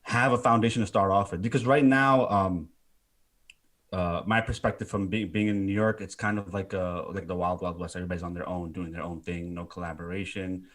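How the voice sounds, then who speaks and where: A filmmaker co-hosting a podcast speaks with a British accent in a low, steady voice at a slightly quick pace. He talks casually and earnestly with fillers, first joking and then turning earnest and quieter.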